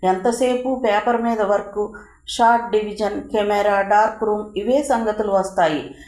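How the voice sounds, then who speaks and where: A woman narrating a novel in a steady storytelling voice. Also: medium pitch, measured pace. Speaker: audiobook narrator. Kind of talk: novel reading. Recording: roomy echo.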